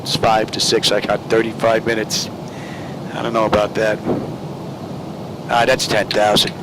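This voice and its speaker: Low-voiced man flying, noisy cockpit. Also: completely flat delivery, normal speed. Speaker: flight simulator pilot. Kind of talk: casual cockpit commentary with radio readbacks. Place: home or fixed-base cockpit simulator. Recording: loud cockpit drone and air-conditioning hum.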